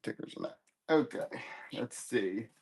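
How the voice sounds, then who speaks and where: A man's voice: medium pitch, animated, unhurried, creaky, husky. A man hosting a live comic book sales stream in casual chat, rambling and easygoing as he corrects himself and cracks light jokes.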